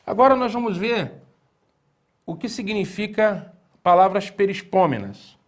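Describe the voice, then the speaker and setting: A man with a fairly high voice teaching a language lesson at an unhurried pace. He explains patiently, poses rhetorical questions to the viewer and repeats key words slowly for emphasis. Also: animated. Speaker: Greek teacher.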